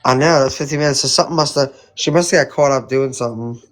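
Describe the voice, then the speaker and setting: A man's voice: medium pitch, fast, a bit bright. A man hosting a casual live chat, talking in a hesitant, rambling, colloquial way. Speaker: live stream host.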